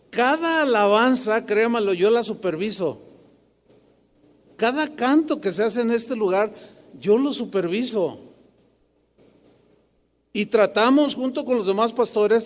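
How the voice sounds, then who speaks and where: A middle-aged man with a Mexican accent, preaching a sermon to a congregation, animated and confrontational, often asking the crowd questions. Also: high-pitched. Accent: Mexican Spanish. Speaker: pastor. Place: large hall with a live congregation. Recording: long hall reverb.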